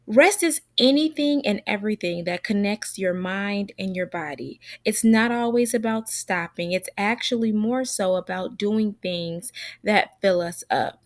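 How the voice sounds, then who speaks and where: Female solo podcast host. Earnest, encouraging, mid-pitched, talks straight to the listener, dry studio-like sound. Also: a little slow, no echo.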